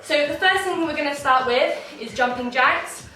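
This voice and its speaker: Young female dance teacher, high and bright, slightly out of breath, distant in a roomy space. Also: moderate pace. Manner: encouraging, counts beats aloud. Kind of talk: online dance warm-up class. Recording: echoey room, distant from mic, faint music.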